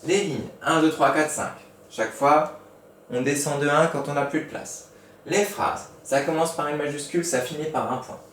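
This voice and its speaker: Patient teacher in an echoey room. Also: male voice, mid-range voice, slight background noise. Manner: patient, slow, spells out each step. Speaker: primary school teacher. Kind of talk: recorded lesson for young pupils. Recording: echoey room, mic at a distance.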